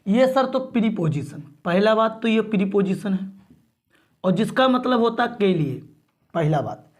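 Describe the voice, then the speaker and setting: A male teacher drilling pronunciation in class, repeating each word and asking again and again how to read it, often clearing his throat. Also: sits high, animated, a little slow.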